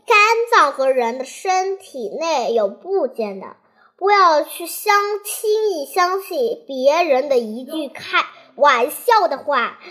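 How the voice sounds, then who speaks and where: A child storyteller reading a children's tale in a slow, halting way, with restarts. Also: high voice, a bit bright.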